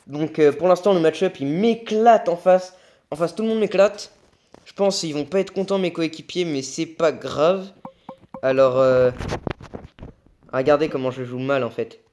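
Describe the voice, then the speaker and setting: A man doing casual gameplay commentary as an excitable, raging gamer who swears. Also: a little high, normal speed, a little hiss or hum. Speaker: gaming video creator.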